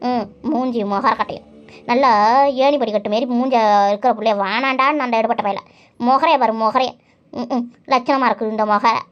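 A high-pitched, nagging old mother-in-law, played by a woman in a cartoon, grumbling and sarcastic at every turn. The recording is dull and lo-fi. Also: normal speed, close to an everyday voice. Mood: scolding. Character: scolding elderly mother-in-law, bitter and quarrelsome. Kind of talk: cartoon voice acting.

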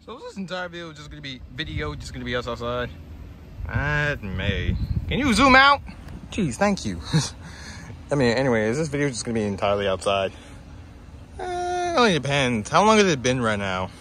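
A man vlogging outdoors near the woods in a rough morning voice, bantering, grumbling and joking as he talks. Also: medium pitch, sing-song, a little fast, background noise. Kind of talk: casual outdoor vlog chat.

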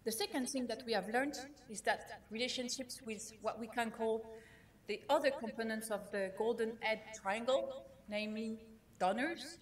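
Non-native English-speaking woman, keynote speaker, slightly high voice, measured with filler pauses. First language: not English. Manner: measured, with frequent fillers and restarts. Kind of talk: conference keynote talk.

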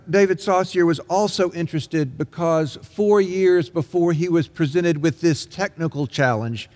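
Older male pastor preaching in a reverberant sanctuary. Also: a little high. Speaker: interim pastor. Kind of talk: sermon. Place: large church sanctuary, indoors. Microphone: pulpit microphone. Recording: long reverb of a large sanctuary.

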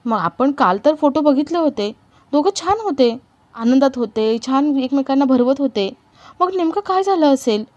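A woman voicing a sensible, practical young woman who calms her mother, speaking in a level-headed way. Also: high-pitched, normal speed, highs cut off. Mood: reasoning.

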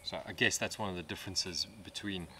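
A thirtysomething Australian man with a low voice vlogs a camping trip from a bush campsite, talking fairly quickly. He's relaxed and casual, dropping in plenty of fillers as he narrates. The outdoor recording picks up insects and crickets in the bush.

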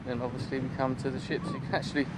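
Very fast and with little pitch movement, a man's mid-range voice rambles along in a chatty, unscripted commentary while he films a walk on an open beach at low tide. The sound comes from his handheld camera's built-in mic, with wind and water plainly heard.

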